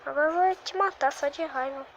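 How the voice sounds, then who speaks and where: A woman giving excitable, exclamatory live commentary while playing a game at home. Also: high-pitched, fast, dull audio, heavy background noise. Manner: excitable and exclamatory, constant little sighs and cries. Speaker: gaming video creator.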